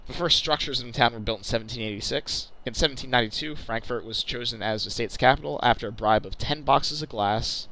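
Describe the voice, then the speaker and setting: A man's voice: medium pitch, fast, few pauses, pushed and bright, a little hiss or hum. A man giving casual, chatty commentary over flight-sim gameplay, stumbling and correcting himself with jokey asides. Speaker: channel host.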